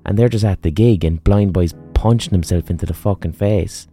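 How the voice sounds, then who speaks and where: A man's voice: sits low, brisk, warm tone. An Irish man podcasting solo in a casual, sweary, informal way, repeating phrases for emphasis. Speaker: podcast host. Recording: music behind the voice. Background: instrumental music.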